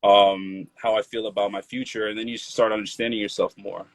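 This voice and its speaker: A Maryland rapper in his late twenties talks loosely in a casual interview, laid-back and full of "like" and "you feel me." His lowish voice is flat and brisk, and the recording is dry and rough.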